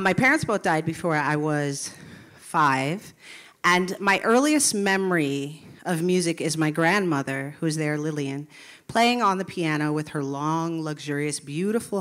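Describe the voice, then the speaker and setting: A woman's voice: sits low, fairly bright tone. A woman in her thirties from Milwaukee, a public school music teacher, telling her own story in earnest at a live talk on stage. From Milwaukee, USA.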